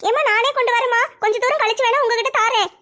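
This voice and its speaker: A woman voicing a shy, sweet young village daughter, pleading softly. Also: extremely high pitch, steady tone, fast talker, voice pushed up. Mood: affectionate.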